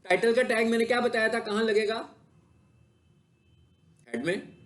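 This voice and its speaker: High-voiced male teacher. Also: steady tone, normal speed, a bit bright. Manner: asks the class questions and answers them himself. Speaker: digital marketing instructor. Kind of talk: classroom lecture with screen demo.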